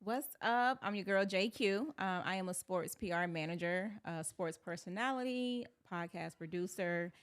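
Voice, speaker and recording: A young woman raised in North Carolina speaks as a podcast guest. Her voice is smooth and resonant and sits a little low. She tells her story in an upbeat way, with many "um"s along the way. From born in Alabama, raised in North Carolina. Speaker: guest, sports PR manager. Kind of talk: casual interview chat.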